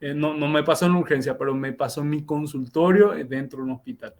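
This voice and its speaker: Heard through a video call, a middle-aged lecturer and physician tells a clinical case story to his students. His pitch runs fairly high with a darkish tone, and the telling is halting, packed with restarts, self-corrections and tag questions.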